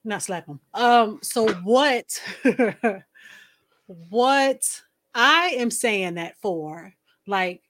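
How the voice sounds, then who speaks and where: A woman's voice: medium pitch, expressive, drawn-out words, slight background noise. Blunt laughing woman, casual chat. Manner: blunt, laughs often, mimics soft coaxing voice. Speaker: podcast co-host.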